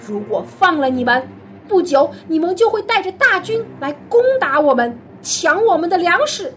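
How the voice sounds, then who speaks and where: A woman's voice: on the high side, sing-song, moderate pace, slight background noise. A woman voicing a stern male governor. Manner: severe, commanding. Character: stern powerful male governor testing brothers. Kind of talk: children's story dialogue.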